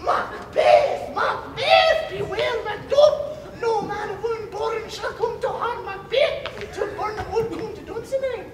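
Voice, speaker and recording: A woman playing a shrill eerie witch. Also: slow, pauses often, crowd noise. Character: shrieking old female witch, eerie. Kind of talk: stage acting. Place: school theater stage. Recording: echoey hall from far off.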